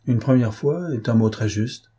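A man reading the part of a self-assured gentleman thief in an audiobook, with a husky voice and dry, mocking irony. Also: medium pitch, moderate pace, close to an everyday voice. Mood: ironic.

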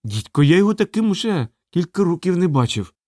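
A man's voice: high-pitched, very animated, fast, darkish tone, no echo, studio quality, voice pushed up. A man voicing a fussy, worried older male sergeant of the city watch. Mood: fretting.

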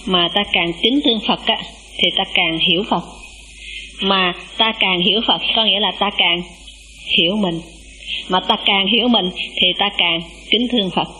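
Woman, nun preaching; bright tone, humble and questioning, faint background hiss. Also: medium pitch, normal speed, low-quality recording. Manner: humble, calls herself "em", asks the listeners questions. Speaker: Buddhist nun giving a dharma talk. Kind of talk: dharma talk to a monastic assembly.

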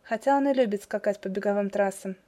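A woman's voice: mid-range voice, quick pace, dark tone, natural voice. A woman voicing a playful, coquettish young woman who teases her friend. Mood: teasing. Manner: teasing, playful.

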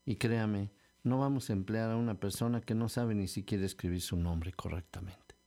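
A man's voice: medium pitch, moderate pace, a little mellow, natural voice. A man voicing a stern male hiring manager who speaks curtly and dryly. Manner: curt, dry.

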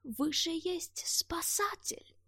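A woman voicing a frightened old male soldier who pleads in hushed, broken, ungrammatical speech. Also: very high voice, slow, pitched above the performer's own voice, full character voice. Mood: pleading. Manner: ungrammatical, foreign-sounding speech; hushed, half-whispered pleading.

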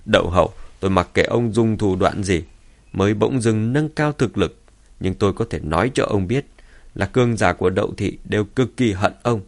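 A man's voice: lowish voice, creaky. A man voicing a cold scheming clan leader. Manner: taunting, urging.

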